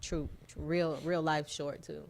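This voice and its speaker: Female TV co-host, low-ish voice, slangy, teasing banter, faint studio noise. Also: little pitch movement, gravelly, a little mellow. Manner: playful, teasing, talks in quick bursts with slangy phrasing. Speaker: talk show co-host. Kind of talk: casual banter on a TV talk show. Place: TV studio with event flyers on the wall.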